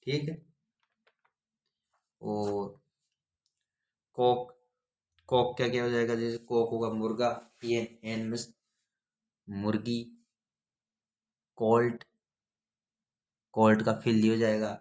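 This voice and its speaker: A man's voice: medium pitch, level tone, takes it slowly, long pauses, a little mellow. A man teaching a grammar lesson, spelling words out letter by letter and asking his students questions.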